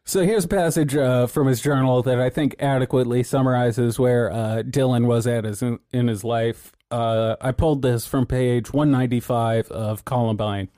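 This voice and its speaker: A man talks in a loose, laid-back way, swearing freely and laughing often as he works through his notes. His voice is mellow and warm, and the sound is dry and close, with no room echo. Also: mid-range voice, fairly even intonation, moderate pace, hardly any pauses. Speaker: podcast co-host presenting research notes. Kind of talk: casual podcast chat.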